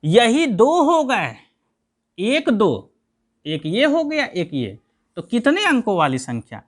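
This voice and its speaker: A man's voice: high-pitched, wildly swooping pitch, slow pace. A man teaching a math lesson, asking questions and answering them himself, counting aloud step by step. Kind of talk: classroom lesson.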